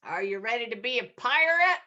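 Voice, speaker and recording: A woman's voice: on the high side, animated, a little fast, bright, forceful tone, muffled recording. Cheery woman leading laughter yoga. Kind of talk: leading an online group exercise class.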